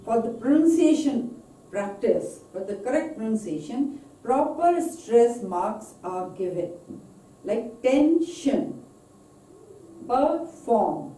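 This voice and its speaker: Slow-speaking woman lecturing in an echoey room. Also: a little high, lively intonation, warm tone, recorded from a distance. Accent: Indian English. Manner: slow, deliberate, drawn-out example words. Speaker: English pronunciation teacher. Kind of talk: recorded lecture.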